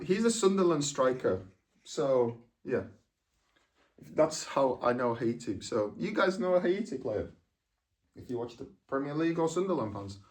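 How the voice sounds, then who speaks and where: A man's voice: a little high, distant mic. A young man from England chatting casually in a video about his collection, rambling with lots of fillers and self-corrections. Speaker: football vlogger. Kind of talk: casual chat.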